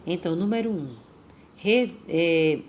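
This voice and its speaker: A woman's voice: fairly low pitch, darkish tone, a little hiss or hum. A woman teacher with a Brazilian Portuguese accent, giving a recorded lesson, patient and repetitive, drawing out example words to stress their syllables. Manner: patient, explains slowly and repeats points. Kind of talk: recorded remote classroom lesson.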